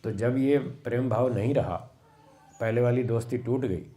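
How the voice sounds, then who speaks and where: A man giving a sermon on scripture, slow and explanatory, repeating phrases for emphasis. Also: medium pitch, warm tone. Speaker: swami giving a Vedic discourse.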